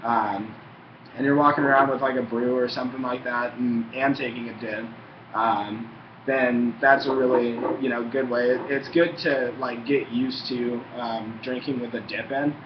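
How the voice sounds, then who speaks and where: A man's voice: mid-range voice, fairly even intonation, moderate pace. A young man chats casually and rambles, swearing in a laid-back way, his lip packed with chewing tobacco. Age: young adult. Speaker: tobacco review vlogger. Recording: muffled, roomy, faintly noisy home recording.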